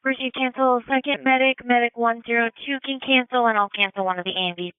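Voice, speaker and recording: A woman working as a fire dispatcher, reading back information briskly and procedurally over a two-way radio. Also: a little high, steady tone, clean tone, dry recording. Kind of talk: radio dispatch, clipped readbacks. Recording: narrow-band two-way radio transmission.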